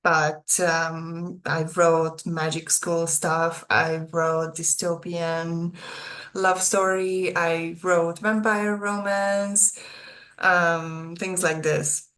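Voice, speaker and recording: This young adult woman, an author with a Hungarian accent, speaks very slowly in a fairly low, level voice with a fairly bright tone. She's chatting casually to the camera for her video channel, a bit hesitant as she addresses her viewers.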